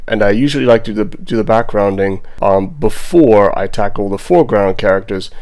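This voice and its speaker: Fairly low and darkish in tone, this man's voice carries a Bermudian accent as he rambles casually through a vlog about his work as a digital artist. He keeps things laid-back and self-deprecating.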